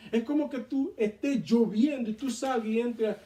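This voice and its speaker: A man leading a Bible study, reading scripture aloud and explaining it in an animated way to a responding group. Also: extremely high pitch, normal speed. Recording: echoey room, mic far off.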